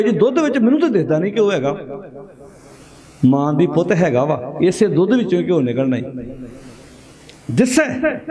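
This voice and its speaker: Middle-aged Punjabi preacher, high-pitched, prodding his congregation, crowd noise in the background. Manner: fiery, rhetorical questions, urging the crowd to answer. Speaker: Sikh preacher. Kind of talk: sermon to a congregation.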